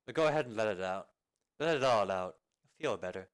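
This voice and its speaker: A man voicing a rough, big-hearted young male fighter who talks loudly and bluntly as he comforts. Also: lowish voice, lively intonation, brisk, close to an everyday voice. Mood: comforting. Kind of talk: amateur video game fan dub.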